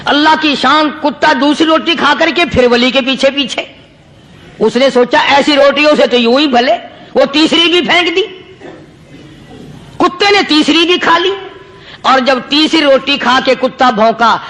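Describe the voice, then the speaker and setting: Preaching a sermon in an extremely high, sharp voice, a man tells a story, repeats himself for emphasis, and chants verses in Arabic.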